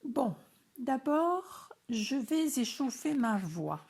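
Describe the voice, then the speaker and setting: A gentle papa frog from a picture book who is a little scared of big voices, as a woman reading aloud puts him on. He talks softly and slowly, in a breathy, mellow voice. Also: high voice, sing-song, pitched above the performer's own voice, exaggerated voice.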